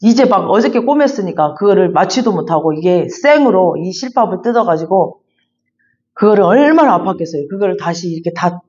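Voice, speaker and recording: A woman pastor preaching in a chatty, animated storytelling manner, full of repeated fillers. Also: medium pitch, fairly quick. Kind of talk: storytelling sermon. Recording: dull lo-fi recording.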